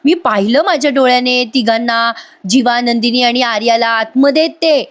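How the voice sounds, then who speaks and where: A woman's voice: a little high, normal speed, natural voice. A woman voicing a nosy, suspicious older aunt who scolds and insists. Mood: insistent. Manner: insistent, bossy retelling of a gossiping aunt.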